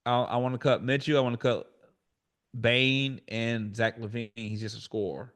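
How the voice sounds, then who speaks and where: Halting man in casual sports chat. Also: mid-range voice, flat delivery, a bit bright. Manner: hesitant, halting, with fillers. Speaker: podcast co-host.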